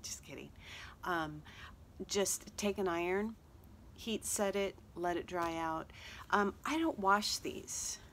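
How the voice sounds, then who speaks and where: A woman's voice: fairly low pitch, expressive, slow pace, a bit bright, slight background noise. A woman talking casually to her viewers about her crafts, rambling with fillers and joking asides. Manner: chatty, rambling with fillers and self-deprecating asides. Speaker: craft vlogger. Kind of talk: casual chat to camera. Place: outdoors at a table.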